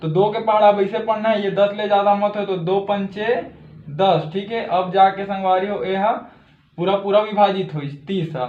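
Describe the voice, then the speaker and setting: High-voiced Chhattisgarhi math teacher, tinny and echoey. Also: male voice, fairly even intonation, normal speed. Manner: repeats "thik hai" as a check-in. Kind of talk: step-by-step math lesson.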